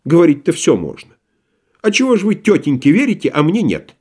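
A man's voice: a little high, wildly swooping pitch, brisk, darkish tone, breathy edge, pitched above the performer's own voice, full character voice. A man voicing a wily, stubborn merchant who talks in a folksy, obsequious way, in an audiobook play reading. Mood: wheedling stubborn. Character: wily, stubborn middle-aged male merchant.

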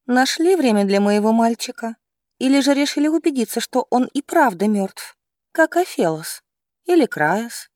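A man's voice: extremely high pitch, lively intonation, moderate pace, a little mellow, no room sound, clean studio sound, voice pushed up. A man voicing a grieving, proud middle-aged mother who speaks bitterly and pleads.

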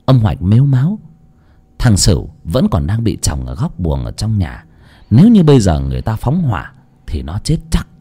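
A man's voice: on the low side, wildly swooping pitch, moderate pace, mellow, breathy edge. A man narrating an audiobook story dramatically.

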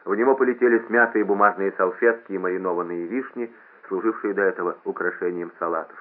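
A man reading a novel aloud in a steady, measured narration. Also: sits low. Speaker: audiobook reader. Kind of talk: scripted narration. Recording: lo-fi phone-like audio.

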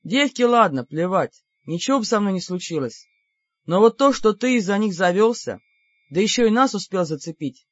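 Narrator playing a calm, wry older brother, dry teasing and stern reproach, slightly dull audiobook sound. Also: medium pitch, moderate pace, dry recording, natural voice.

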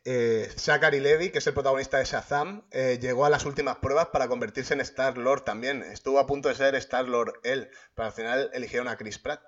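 A male podcast host chats in a relaxed, joking way over casual talk. His voice sits in a middle range. The recording sounds dull and lo-fi. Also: mid-range voice, fairly quick, hardly any pauses. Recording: dull lo-fi audio.

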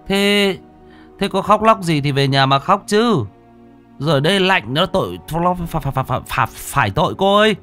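A man voicing a timid, soft-hearted young village man who stammers. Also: medium pitch, sing-song, normal speed, pauses often, slightly rough, faint music behind, pitched above the performer's own voice. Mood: frightened.

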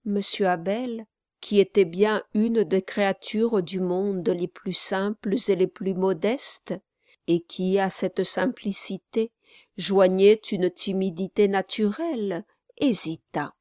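Slow, measured woman reading a novel. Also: medium pitch, dry recording, clean studio sound. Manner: measured, even storytelling. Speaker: audiobook reader. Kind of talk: scripted narration of a classic novel.

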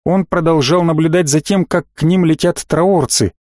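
A man narrating a science fiction audiobook in a steady, dramatic reading style. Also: fairly high pitch, moderate pace, dry recording, clean studio sound. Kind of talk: scripted narration.

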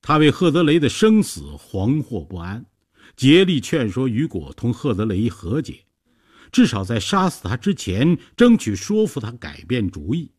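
A man reading a story aloud as a narrator, in a steady, measured way. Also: medium pitch, slightly rough.

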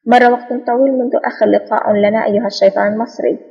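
A woman reading the lines of a scheming male spy chief villain in an audiobook, calm and mocking. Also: fairly high pitch, racing, slightly rough, big-room sound, highs cut off. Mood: gloating.

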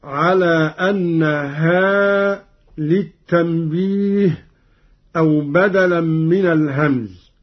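A man's voice: on the high side, slightly rough, lo-fi sound. A man giving an explanatory lesson on Quran reading variants, reciting short examples to show each reading.

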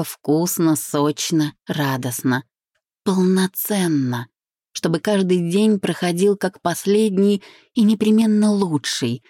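A woman reading a first-person audiobook in a calm, reflective way. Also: lowish voice, dry recording, clean studio sound. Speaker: audiobook narrator. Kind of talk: scripted first-person narration.

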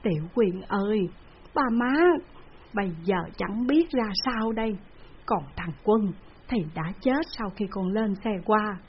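A woman's voice: medium pitch, unhurried, a little hiss or hum, lightly acted. A woman voicing a distraught middle-aged peasant father who pleads and wails for his daughter. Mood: anguished. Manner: pleading, wailing. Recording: dull lo-fi recording.

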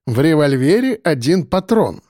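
A man voicing a smug, sadistic male professor who speaks softly, slowly and venomously. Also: a little high, big pitch swings, no room sound, studio quality. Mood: mocking. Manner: soft, slow and venomous.

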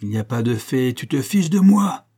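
A man's voice: medium pitch, steady tone, normal speed, mellow, natural voice. A man reading aloud voicing an impatient, superstitious old father who grumbles and grows exasperated. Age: older.

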